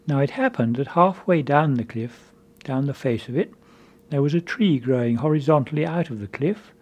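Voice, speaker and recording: A man giving a measured, earnest spiritual conference talk as a preacher. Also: mid-range voice, warm tone, slightly rough.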